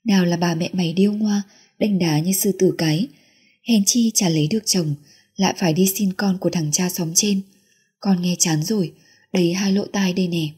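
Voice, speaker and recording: A woman voicing a tired, sulky schoolgirl pleading with her mother in an audiobook, with a husky tone. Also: medium pitch, steady tone, normal speed, warm tone. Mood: weary. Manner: weary, pleading. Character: sulky teenage girl, plump and tired of teasing.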